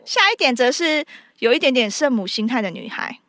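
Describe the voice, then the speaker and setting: A woman with a Taiwanese accent hosting a casual chat, animated as she explains things with little acted examples. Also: a little high, fairly quick, dry recording, studio quality. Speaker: podcast host.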